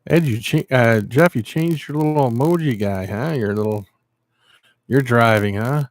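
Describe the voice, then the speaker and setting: A man's voice: medium pitch, moderate pace. Chatty man hosting a live stream. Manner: rambling, chatty, talks to viewers by name. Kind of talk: casual live stream chat.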